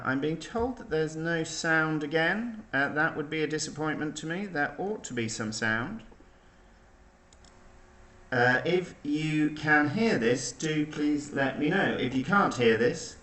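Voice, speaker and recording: A man hosting an online quiz with dry, deadpan humor. His voice sits a little high and booms with a cave-like echo. He sounds distant from a makeshift mic. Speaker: quiz host. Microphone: makeshift backup mic. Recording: echoey room, far from the mic.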